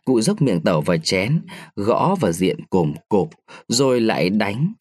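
A man reading a short story aloud in an expressive storytelling manner. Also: fairly low pitch, unhurried, dry recording. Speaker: story reader.

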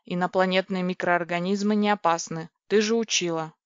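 A woman's voice: lowish voice, fairly even intonation, brisk, clear, resonant tone, no room sound, close to an everyday voice. A woman reading a storybook voices a male ship computer that is curt, dry and grumbling. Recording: dry, dull lo-fi recording.

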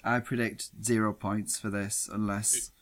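A man's voice: fairly low pitch, level tone, a little slow, a crowd in the background. A man co-hosting a casual podcast, joking dryly and leading the segments. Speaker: podcast co-host. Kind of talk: casual chat.

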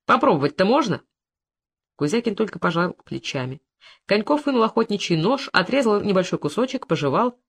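A narrator reading a novel aloud, with varied, expressive delivery. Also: medium pitch, a little fast, vocal fry. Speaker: audiobook narrator. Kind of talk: scripted narration.

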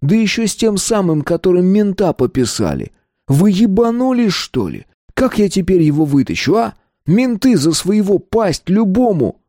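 Teen boy bluffing hard, slow tough talk, read by a man. Dry close read. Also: mid-range voice, big pitch swings, dark tone, dry recording, voice pushed up. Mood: indignant. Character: cocky teen boy bluffing gang members.

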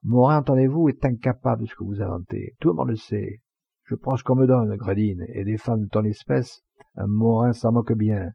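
Proud hot-headed poacher, read by a man: gravelly, husky, low, scornful bite, dull lo-fi sound. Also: normal speed. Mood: furious. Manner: scornful, fiery retorts.

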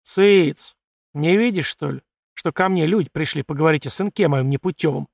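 A man doing a hoarse, gruff old village father. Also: high voice, animated, a little fast, no echo, studio quality, voice pushed up. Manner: hoarse, rough rustic speech. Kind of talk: audiobook character reading.

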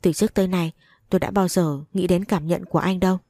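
A woman's voice: fairly low pitch, steady tone, fast, dark tone, no room sound. A woman narrating a first-person story in an earnest, emotional reading.

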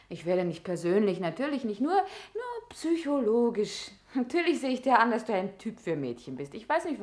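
A woman's voice: mid-range voice, natural voice. An actress playing a fussy, condescending woman who chatters on, in 1960s German radio drama acting.

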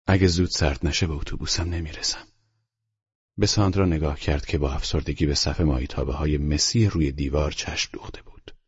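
Man, audiobook narrator, deep, raspy, muffled recording. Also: no echo. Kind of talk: scripted narration.

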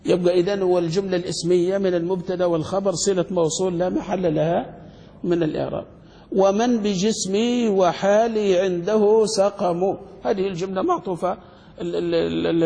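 Man, sheikh teaching a class, mellow high voice, quizzing questions, echoing hall. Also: steady tone, creaky. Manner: quizzes students with quick questions; halting restarts while searching words. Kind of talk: classroom lecture. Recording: long hall reverb.

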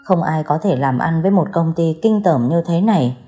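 A woman narrating a serialized audio story, reading in a steady, dramatic storytelling manner. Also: sits low, moderate pace. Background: soft background music.

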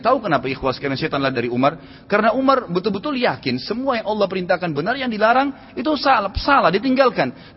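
Husky-voiced preacher in an echoing hall. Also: male voice, sits high. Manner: lively storytelling with quoted voices. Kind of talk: sermon. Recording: dull reverberant lecture hall audio.

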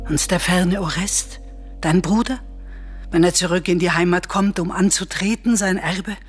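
An actress playing a consoling woman of Mycenae in a radio drama, speaking in a solemn, measured way. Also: lowish voice, fairly even intonation, breathy edge. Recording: radio play with soft music behind.

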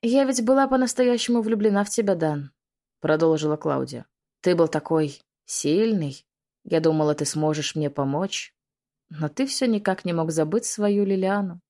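A woman's voice: on the low side, moderate pace, dark tone, close to an everyday voice. Mean sneering witch, as a lady reads her, taunts with a lilt, storybook style. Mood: taunting. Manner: hissing, taunting. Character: spiteful young witch, mocking and vengeful. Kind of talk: audiobook reading.

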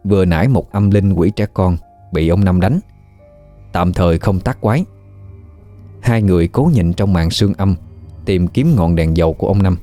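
A man narrating a horror story in a measured, even storytelling manner. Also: sits low, soft background music.

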